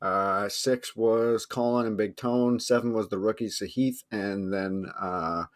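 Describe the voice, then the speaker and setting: A man's voice: fairly low pitch, fairly even intonation, measured pace. A man co-hosting a live golf podcast, talking in an easygoing way with hesitant fillers and the odd swear word. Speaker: podcast co-host. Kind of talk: casual chat.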